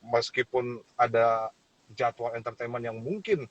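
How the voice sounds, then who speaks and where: Pastor guy, husky voice, chatty storytelling, kinda muffled lo-fi sound. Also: mid-range voice, a little slow. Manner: animated storyteller, laughs and acts out quotes. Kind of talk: casual testimony in a talk show.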